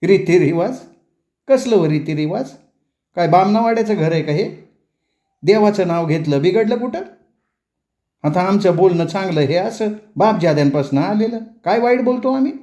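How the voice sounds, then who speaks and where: A woman's voice: mid-range voice, steady tone, measured pace, dark tone, echoey room, pitched above the performer's own voice, natural voice. A man voicing a blunt, scolding older woman, the rural mother-in-law of a storybook, in broad village dialect. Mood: indignant.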